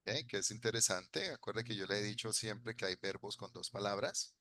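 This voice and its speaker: A man's voice: lowish voice, moderate pace, bright, forceful tone. A man teaching an English class in Spanish, patiently explaining grammar and repeating phrases for his students. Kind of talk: bilingual classroom lesson.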